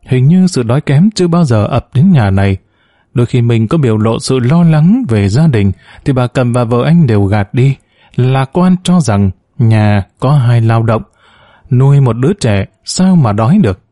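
This audiobook narration comes from a man of medium pitch who delivers the scripted story steadily and evenly. It's a dry, studio-grade recording.

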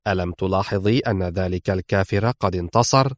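A man's voice: low voice, a little fast, no echo, studio quality, voice pushed down, lightly acted. A man voicing a gloating, mocking male crime boss who taunts with smug confidence in an audiobook.

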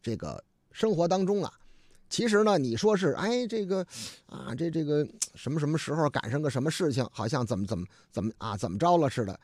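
A male radio host chats and tells a story, his voice high and animated, with loose, colloquial asides throughout. The sound is dry and close, with no room echo. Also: fairly quick. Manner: colloquial, lots of fillers and asides. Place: radio studio.

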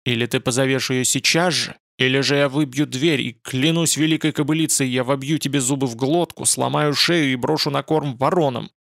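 A man's voice: medium pitch, steady tone, a little fast, gravelly, hardly any pauses, a bit bright, no room sound, studio quality. A man voicing a proud, fierce young woman held captive, urgent and commanding. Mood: threatening.

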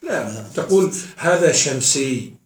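A man's voice: on the high side, animated, unhurried. A man teaching a class as a sheikh, often asking his students questions and answering them himself. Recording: echoey room, mic far off.

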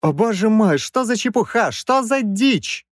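A man voicing a whiny, fussy old male professor with a shrill, squealing voice in an audiobook. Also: expressive, a little slow, no room sound, clean studio sound. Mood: whining. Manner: pleading, fussy, indignant. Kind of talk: audiobook character voice.

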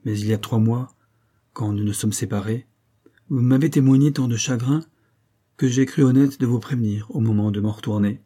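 A man's voice: mid-range voice, moderate pace, dark tone, natural voice. A man reading the part of a haughty young woman who speaks curtly and with disdain. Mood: cold. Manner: curt, disdainful. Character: haughty, cold young woman, curt and bored.

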